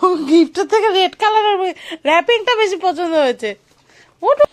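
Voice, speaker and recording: A young woman, a mother, talking excitedly and coaxingly to her small child in a casual family vlog. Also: very high-pitched, a little fast. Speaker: mother and vlogger.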